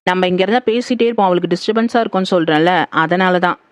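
A woman voicing a caring elder sister-in-law who consoles gently, in a horror audio drama. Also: lowish voice, quick pace, clear, resonant tone, no room sound, natural voice. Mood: consoling. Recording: dull lo-fi, dry.

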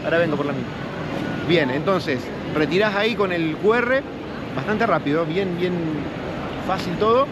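A man's voice: sits high, normal speed. A middle-aged man, chatting as he walks a vlogger's camera through a big indoor expo hall. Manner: chatty, friendly, switches to broken English. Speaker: running vlogger. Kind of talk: live walkaround vlog. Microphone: handheld action camera. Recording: loud crowd hall noise.

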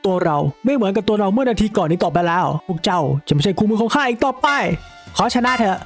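A young man giving casual, excitable commentary as he plays a video game, exclaiming and joking as he goes. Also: high voice, fast talker, soft background music. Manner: excitable, exclaims and jokes while playing. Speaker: gaming video creator.

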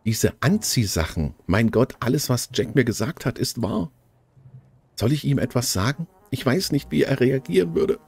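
A man voicing a melancholy young noblewoman in a game, reading in a halting, stilted way. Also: medium pitch, expressive, creaky, darkish tone, husky, soft background music. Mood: gloomy.

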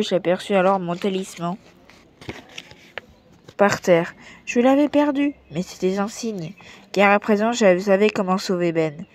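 A woman reading a children's book aloud, sometimes stumbling over words and correcting herself, and raising her voice for shouted lines. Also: medium pitch. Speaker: reader.

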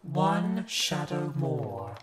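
An actor playing a solemn, unyielding spirit of the past, speaking with slow deliberation. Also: male voice, mid-range voice, sing-song, crowd noise. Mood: solemn, stern. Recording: echoing reverb over music.

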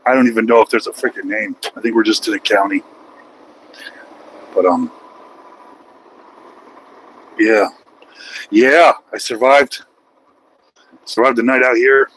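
An American man in his forties talks his way through a night drive in his truck cab, rambling and poking fun at himself. His voice sits at an ordinary middle pitch, and a faint hum of road and engine noise runs underneath. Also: steady tone, a little slow, long pauses, a bit bright, rough recording. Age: 40s. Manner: rambling, self-mocking, joking. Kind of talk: casual vlog monologue while driving.

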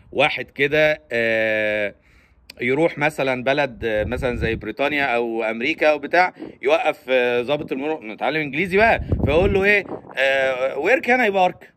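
A man's voice: mid-range voice, bright, forceful tone, slight background noise. A man with an Egyptian Arabic accent, giving casual advice in a joking, teasing monologue and mimicking silly speakers.

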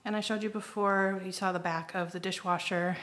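Holding her phone camera at arm's length, a middle-aged homestead vlogger chats through an update on the indoor kitchen she's renovating. She points things out with plenty of ums, and her mid-range voice sounds level, a bit bright, and a little fast.

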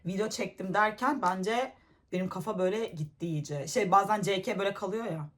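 A woman's voice: mid-range voice, fairly quick. A young woman chatting casually into her phone camera in a giggly, scattered way. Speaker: reaction vlogger. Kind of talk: casual reaction chat.

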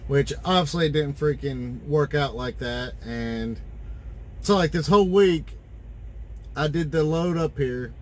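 A man's voice: a little high, unhurried, darkish tone, a little hiss or hum. A man in his thirties, an owner-operator truck driver, rambling in a frustrated casual vlog rant from inside his parked truck cab, filmed on a phone held at arm's length. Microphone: phone camera at arm's length.

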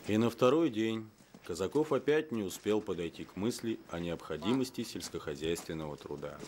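An actor playing a soldier who narrates comic army tales in a deadpan, mock-solemn scripted style. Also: male voice, lowish voice, fairly quick, slight background noise, close to an everyday voice. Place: studio voice-over.

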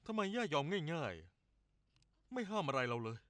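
A polite, hesitant grandson. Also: male voice, on the high side, huge pitch swings, measured pace, a bit bright, no room sound, studio quality, heavily acted. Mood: subdued. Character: young grandson, polite and obedient. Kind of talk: Thai dub of a TV series.

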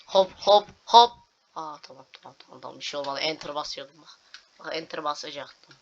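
Casual gameplay commentary comes from a young male gaming host whose voice is a little high and fairly quick. He narrates each move to his viewers and curses when glitches hit, recorded on dull lo-fi home audio with clear noise.

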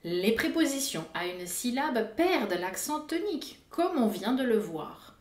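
Slow, lively high-voiced woman teacher. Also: echoey room. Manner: slow, careful over-articulation of example words. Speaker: Russian pronunciation teacher. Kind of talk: explanatory lesson.

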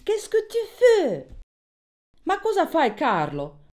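A woman's voice: fairly low pitch, sing-song, unhurried, darkish tone. A woman playing a strict but fond female French teacher who gives firm instructions, in an Italian film dub.

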